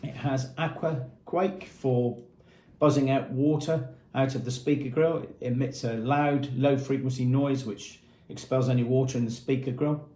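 In an echoey small indoor room with painted block walls, a man in his fifties sits at a table and walks through a product for a marine equipment retailer. As an informal presenter, he keeps it plain and methodical in short phrases, speaking at normal speed with a medium-pitched, steady, mellow voice.

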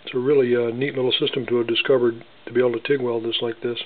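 A man in his workshop casually showing how he welds small wire parts, talking haltingly with many fillers and restarts. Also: medium pitch, little pitch movement. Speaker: gunsmith demonstrating welding. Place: home workshop bench. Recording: tinny, lo-fi with faint hiss.

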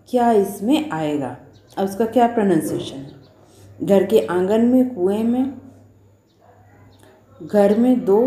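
A woman teacher leads a pronunciation lesson, saying each word twice before she explains it. Her voice is soft and dark, and she speaks at a slow, deliberate pace. The room gives her voice an echo. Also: medium pitch. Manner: slow, drawn-out word drills, repeating each word; explains in Hindi, reads English sentences slowly. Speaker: English teacher.

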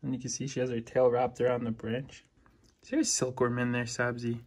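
A man narrating a casual pet-care vlog in the reptile room of his home, speaking at a middling pitch. He talks fondly to his lizards, coaxing and praising them, breaking into excited exclamations along the way. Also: fairly quick, husky. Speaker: reptile keeper and channel host. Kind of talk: casual vlog narration while feeding pets.

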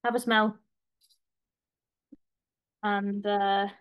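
Woman presenter, mid-pitched, casual and chatty, speaking over a laptop mic at home for a webinar. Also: flat delivery, very slow, clean tone. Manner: chatty, informal, with fillers and restarts. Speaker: craft presenter. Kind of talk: live webinar demonstration.

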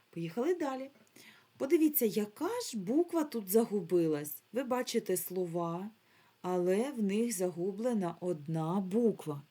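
A woman's voice: mid-range voice, mellow, slightly rough. A woman teaching a remote phonics lesson to young children, drawing out each word carefully and modeling the sounds for the class to repeat. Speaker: primary school teacher.

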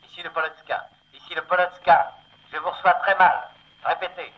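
Un homme joue un opérateur radio de navire dont la voix arrive par un récepteur radio grésillant, appelant avec insistance. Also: male voice, on the high side, steady tone, normal speed. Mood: insistent. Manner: urgent, calling out repeatedly. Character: radio operator on a ship, adult man, insistent. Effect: voice heard through a crackly radio receiver. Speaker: ship's radio operator. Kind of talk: 1960s television drama acting. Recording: dull, slightly noisy 1960s television sound.

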